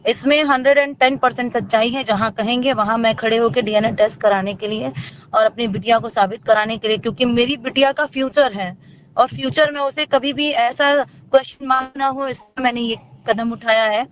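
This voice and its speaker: Over a phone call, a woman who is an actor and singer gives her account as an interview guest, speaking briskly with a steady tone and a slightly high voice. Her delivery is emphatic and accusatory. The lo-fi phone audio sounds dull, with clear noise.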